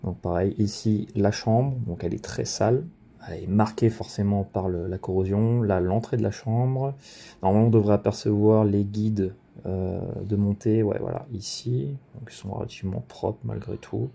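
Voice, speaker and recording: A man's voice: lowish voice, moderate pace, vocal fry, dark tone. A man presenting his rifle in a casual video commentary, rambling with many fillers and self-corrections.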